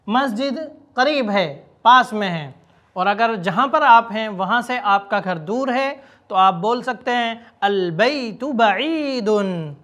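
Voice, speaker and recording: A man teaching a spoken language lesson, explaining words quickly and then repeating example phrases slowly and deliberately. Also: high-pitched, sharp tone. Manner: slow, drawn-out repetition of example phrases. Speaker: Arabic teacher.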